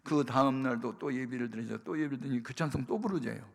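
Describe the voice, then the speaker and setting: A Korean pastor telling a story in a sermon, acting out voices and dialogue with dramatic shifts. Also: male voice, mid-range voice, quick pace, creaky. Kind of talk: sermon testimony. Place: church sanctuary. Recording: hall reverb.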